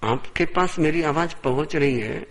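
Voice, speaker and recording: Soft-spoken monk with a gravelly voice. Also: male voice, fairly high pitch, unhurried. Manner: soft-spoken, asks the audience rhetorical questions. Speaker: Jain monk giving a discourse. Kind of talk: sermon. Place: lecture hall with a seated audience. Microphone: close microphone.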